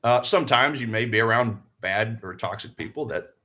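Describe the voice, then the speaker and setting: Hosting a live trading stream, a man in his forties speaks at normal speed in a mid-range voice that sounds pushed and bright. Between motivation and trading commentary, he comes across earnest and fired up, echoing phrases for emphasis and quizzing viewers rhetorically.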